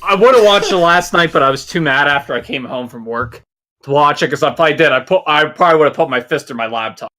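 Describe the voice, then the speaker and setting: A man with a bright, slightly high voice, talking in a loose, rambling way. He is blunt and swears often in a casual podcast chat with friends. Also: lively intonation, quick pace. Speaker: podcast co-host.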